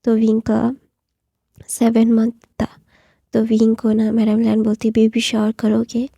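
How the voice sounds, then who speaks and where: A woman retelling a fan story, talking softly and often half in a whisper, with many fillers. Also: fairly high pitch, completely flat delivery, slow pace, gravelly, slightly rough, no echo.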